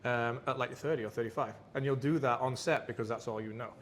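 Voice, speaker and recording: A man's voice: mid-range voice, fast talker, slight background noise. A man in his thirties, a guest on a podcast, talking animatedly in casual chat with lots of swearing. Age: 30s. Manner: animated, swearing, laughing, putting on voices.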